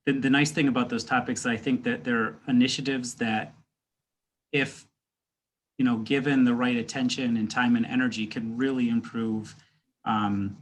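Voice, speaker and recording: A man's voice: mid-range voice, fairly bright tone, a little hiss or hum. A man moderating student presentations in an online class, encouraging and hesitant, with many fillers. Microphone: video call.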